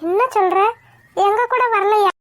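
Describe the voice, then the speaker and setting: Woman voicing a scolding cartoon granny, very shrill high voice, tearful pleading, dry close sound. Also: fairly even intonation, measured pace, no room sound, faint music behind. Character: fussy elderly grandmother, pleading. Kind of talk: cartoon voice acting.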